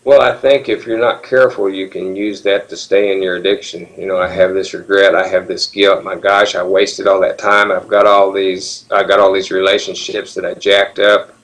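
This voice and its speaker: A man's voice: low voice, level tone, normal speed, hardly any pauses, a bit bright. A man in his seventies, talking openly and reflectively as an interview guest, often restarting his sentences. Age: 70s. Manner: earnest, reflective, frequent restarts. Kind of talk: candid interview talk. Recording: dull lo-fi audio.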